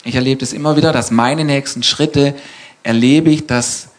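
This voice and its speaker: A man's voice: mid-range voice, steady tone, normal speed. A man on a church panel speaking reflectively and conversationally, often restarting his sentences.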